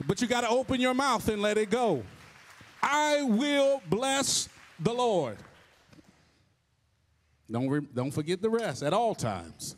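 High-voiced emphatic male preacher. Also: sing-song, slow, long pauses. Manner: emphatic, repeating refrains. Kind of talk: sermon.

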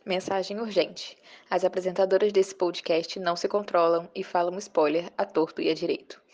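A woman putting on a stern female announcer who gives a slow, solemn warning through a megaphone. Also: on the low side, fairly even intonation, darkish tone, muffled recording. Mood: urgent, solemn.

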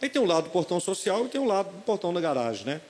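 A male pastor with a Brazilian Portuguese accent, preaching a sermon in animated storytelling and putting questions to the congregation. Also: high voice, very fast. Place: church. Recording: reverberant church hall.

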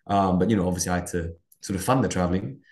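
Speaking very fast in a low, slightly mellow voice, the guest, a man from Sarawak in Malaysian Borneo, rambles through conversational interview answers full of "you know" and "sort of." The room gives the audio a noticeable echo.

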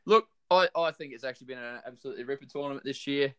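Enthusiastic man, smooth voice. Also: medium pitch, rapid-fire, fairly bright tone. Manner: enthusiastic, filler-heavy. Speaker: guest fan. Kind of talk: casual chat.

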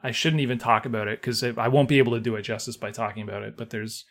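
A man co-hosting a podcast with a wry, easygoing manner, laughing along as the talk wanders. His voice sits in a middle pitch and plain everyday tone. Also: steady tone, rapid-fire, fairly bright tone. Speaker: podcast co-host. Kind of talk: casual podcast banter.

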